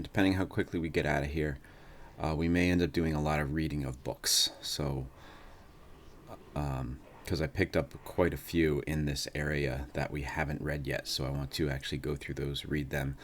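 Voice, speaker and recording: A man with an extremely low voice gives casual, musing commentary as he plays a game. He takes his time and also reads game text. There is faint noise behind him, with a creaking chair. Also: fairly even intonation. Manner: unhurried, musing. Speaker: gaming host. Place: indoors, seated at a computer. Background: creaking chair, faint background noise.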